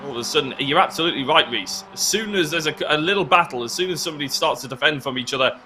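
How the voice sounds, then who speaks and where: A man giving excited live race commentary as lead commentator, his voice going hoarse and breaking into shouts at overtakes. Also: on the high side, racing, slight background noise. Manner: excitable, builds to shouts at passes.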